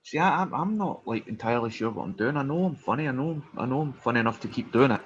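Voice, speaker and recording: A man's voice: medium pitch, animated, fast, dull audio, a little hiss or hum. A male stand-up comedian chatting casually in a hesitant, rambling, self-deprecating way. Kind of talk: casual chat.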